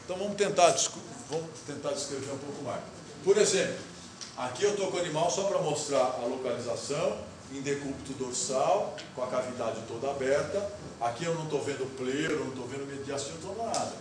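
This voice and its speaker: A man's voice: mid-range voice, fast talker, far from the mic. A man teaching a university class, explaining step by step as he draws and asking his students questions. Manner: explains step by step while drawing on the board, asks the class questions. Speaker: university lecturer. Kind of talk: classroom lecture. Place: lecture hall. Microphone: recorder far off in the room. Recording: echoey hall recorded from afar, noisy.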